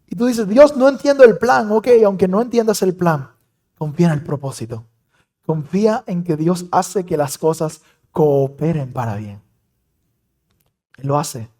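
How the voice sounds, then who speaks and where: Male pastor, young adult, sermon, mellow tone, higher-pitched, emphatic, swings from loud to hushed. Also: animated, a little slow, pauses often. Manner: emphatic, dramatic swings in loudness.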